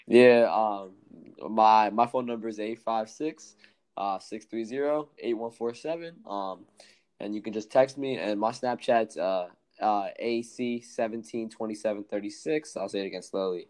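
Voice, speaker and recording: A teenage boy co-hosting a casual podcast, talking haltingly and repeating words. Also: fairly low pitch, darkish tone, clean tone. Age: teens. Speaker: podcast co-host.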